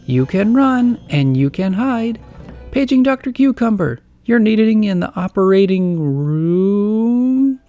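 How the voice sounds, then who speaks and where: A man voicing a goofy, excitable little boy in a storybook reading, talking in a silly, excited way. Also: high voice, slow pace, no room sound, faint music behind, pitched above the performer's own voice.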